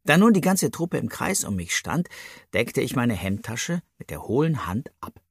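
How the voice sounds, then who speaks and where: A man's voice: mid-range voice, very animated, normal speed, creaky, husky, dry recording, studio quality. A man narrating a children's story in the first person, playful and chatty, talking straight to the listener. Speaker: audiobook narrator.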